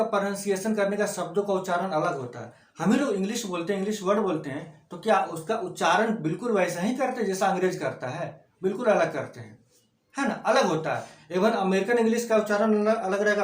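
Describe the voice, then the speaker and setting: A man teaching a class, repeating key words and asking rhetorical questions. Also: high-pitched. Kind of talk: classroom lecture. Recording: echoey room.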